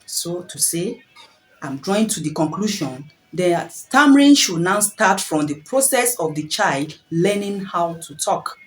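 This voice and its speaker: A woman's voice: lowish voice, animated, unhurried, soft background music, poor audio. A woman giving parenting advice in an earnest, preachy way, repeating phrases and asking rhetorical questions. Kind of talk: preachy advice talk to camera.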